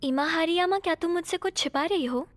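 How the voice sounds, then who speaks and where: A woman's voice: very high-pitched, a little fast, fairly bright tone, soft background music. A woman voicing a clever, level-headed young schoolgirl heroine in an anime dub.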